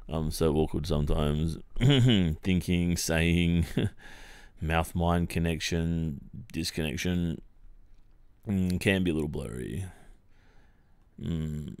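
This Australian ASMR performer, playing an awkward and polite young college football captain, delivers a one-sided boyfriend roleplay that sounds improvised. His voice sits low and sounds exaggerated, hesitant and halting, full of pauses and soft awkward filler. The tone is clean, studio quality with no echo.

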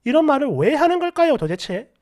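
Woman narrator, 30s, sarcastic, indignant, high and animated voice. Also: fast talker. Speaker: story narrator. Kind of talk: first-person story narration.

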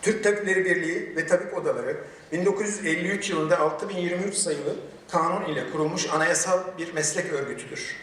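A man speaking at a podium microphone in a large hall, giving a formal prepared speech with emphatic, measured delivery and rhetorical questions. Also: on the high side, a bit bright. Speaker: medical chamber president giving a ceremony speech. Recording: very echoey hall, voice distant from the mic.

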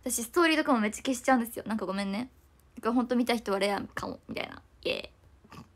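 This young woman livestreams in a quick, relaxed way, going through viewer comments and apologizing a lot. Her pitch is a little high.

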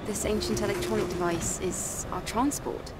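A woman as Eve, soft reserved game soldier. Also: medium pitch, fairly even intonation, moderate pace, heavy background noise, close to an everyday voice. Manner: soft-spoken, guarded, sincere. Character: young female soldier, reserved and earnest. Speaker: protagonist. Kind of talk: game cutscene voice acting. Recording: distant voice over game music.

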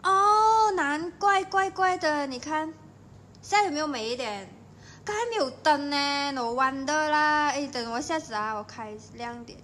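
A woman's voice: high-pitched, expressive, moderate pace, fairly bright tone, a little hiss or hum. A young Malaysian woman with a Malaysian Mandarin accent, chatting playfully with viewers on a livestream from home. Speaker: livestream host. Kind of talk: casual livestream chat.

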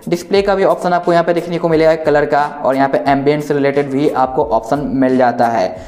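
Speaking quickly with fairly even intonation, a tech reviewer and video host explains phone software informally and reassuringly. His voice is on the high side and a little mellow, recorded with roomy echo in an indoor space.

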